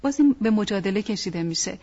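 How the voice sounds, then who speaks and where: A woman's voice: medium pitch, animated, mellow, dull audio. A woman hosting a talk show, asking a guest questions and setting out example scenarios. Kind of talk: interview questions.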